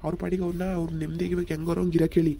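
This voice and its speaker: A man playing a young village son who fiercely defends his mother, quick and defiant. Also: on the high side, little pitch movement, vocal fry, warm tone, a little hiss or hum. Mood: firm.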